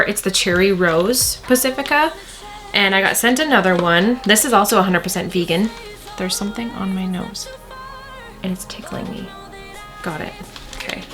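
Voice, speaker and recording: A woman at a middling pitch talks viewers through a makeup routine. She is chatty and casual, doubling up on words to stress a point. Soft music plays faintly behind her. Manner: chatty, repeats words for emphasis. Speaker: beauty vlogger. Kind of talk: makeup tutorial talk.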